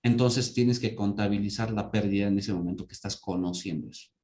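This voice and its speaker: A man teaches accounting to a class, walking through everyday examples. He keeps checking that his students follow along. His voice is mellow and sits in a roomy, echoing space. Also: lowish voice, fairly even intonation, fairly quick. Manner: asks students for confirmation with repeated "¿sí?". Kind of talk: online class lecture.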